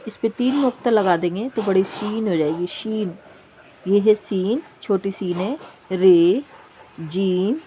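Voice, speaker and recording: A woman's voice: medium pitch, warm tone, slight background noise. A woman teacher giving a patient classroom lesson, reading letters out one by one and explaining each step.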